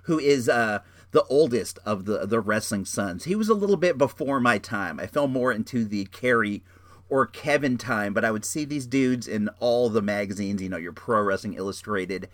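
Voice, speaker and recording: A man's voice: lowish voice, expressive, moderate pace, no room sound. A middle-aged man hosting a show with casual, rambling reviews, enthusiastic and slangy, often repeating his phrases. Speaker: show host.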